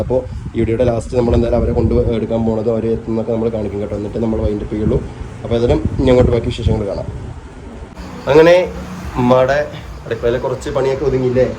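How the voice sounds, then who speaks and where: Fast-talking chatty man vlogging. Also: mid-range voice, background noise. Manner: chatty, rambling, addresses viewers directly; teasing with family. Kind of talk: casual vlog narration to viewers.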